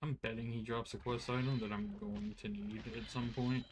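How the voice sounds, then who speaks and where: Sleepy guy chatting while he plays an online rpg, says "like" a lot, mid-pitched voice. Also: sing-song, normal speed, a little hiss or hum. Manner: laid-back, rambling, heavy use of "like". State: tired, yawning. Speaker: streamer playing an online RPG. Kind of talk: casual gameplay commentary.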